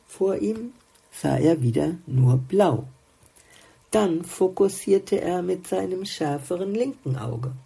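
A woman calmly narrating a fairy tale with a very husky voice, reading in a measured way. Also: low voice. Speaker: storyteller.

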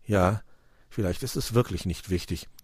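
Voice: sits low, normal speed, a little mellow, slightly rough, no room sound, clean studio sound. A man voicing a small, boastful and sulky boy hedgehog who whines eagerly. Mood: eager, whiny. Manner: whiny, eager.

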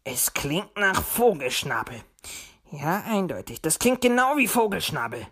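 A clever male fox who teases his friends with good humour, as a woman reading aloud puts him on. His voice sits a little higher than an everyday one and keeps a bright, jaunty lilt. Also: animated, normal speed, husky. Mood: teasing. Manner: cheerful, teasing. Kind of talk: storybook reading.

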